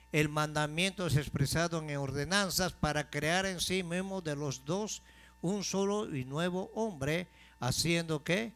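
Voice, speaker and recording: A man preaching a sermon as pastor, asking the congregation questions and slowing down to stress key phrases. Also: a little high, fairly bright tone, smooth. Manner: call-and-response questions to the congregation.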